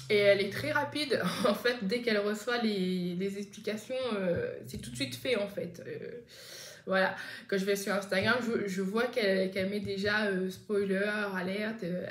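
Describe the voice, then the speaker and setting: A woman's voice: medium pitch, echoey room. A woman hosting a casual knitting vlog, chatty and rambling, with many fillers and self-corrections. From France. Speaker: knitting podcast host. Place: indoors at home, seated on a chair.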